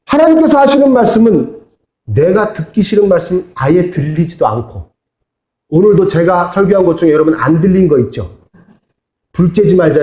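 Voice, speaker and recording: A man's voice: high-pitched, dark tone. A man preaching as pastor to his congregation, asking them to repeat after him and answer back. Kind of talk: sermon. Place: church sanctuary. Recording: echoey church hall.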